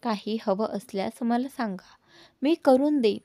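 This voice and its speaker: A woman voicing a caring young woman who speaks with gentle concern. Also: on the high side, measured pace, no room sound.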